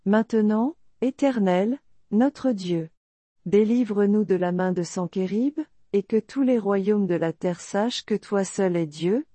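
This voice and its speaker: A devout king pours out a prayer, as a woman reads it. Her voice is mellow and warm, recorded dry and close. The reading is solemn and measured. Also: mid-range voice, no room sound, lightly acted. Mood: pleading.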